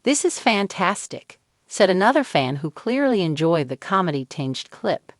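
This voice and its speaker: A woman with a lowish voice reads a scripted celebrity news story. Her delivery stays even, and she reads the quoted lines without acting them. The recording is dry and close, with no room sound. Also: moderate pace, dry recording. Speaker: entertainment news narrator. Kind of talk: scripted narration.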